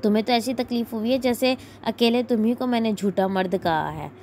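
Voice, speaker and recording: A woman's voice: fairly high pitch, brisk, a little mellow, a little hiss or hum, close to an everyday voice. A woman voicing a boastful young man who mocks his brothers as cowards, in a cocky, needling manner. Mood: mocking. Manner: mocking, cocky.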